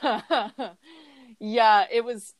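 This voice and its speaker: A woman's voice: fairly high pitch, fairly even intonation, extremely slow, a crowd in the background. A woman co-hosting a podcast in casual chat, giggling and gushing with lots of fillers. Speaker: podcast co-host.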